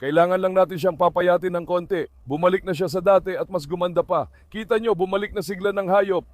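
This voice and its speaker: Isang lalaking nagkukuwento sa mga manonood habang inaalo ang kanyang mga aso. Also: male voice, high-pitched, steady tone, brisk, a little mellow, dry recording. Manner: talks to viewers and coaxes his dogs. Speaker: dog owner narrating his dogs. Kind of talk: casual vlog commentary.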